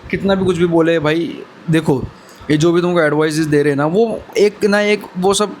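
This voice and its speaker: A man's voice: fairly high pitch, fairly even intonation, normal speed, darkish tone, a little hiss or hum. A man in his twenties giving earnest, brotherly motivational advice in a casual talk to camera. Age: 20s. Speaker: vlogger.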